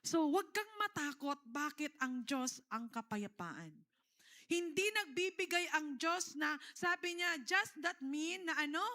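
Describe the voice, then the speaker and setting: Filipino lady pastor preaching, high voice, keeps calling out to the church. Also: bright, forceful tone. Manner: preaching in mixed Tagalog and English, with repeated calls to the congregation. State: tearful. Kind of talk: sermon.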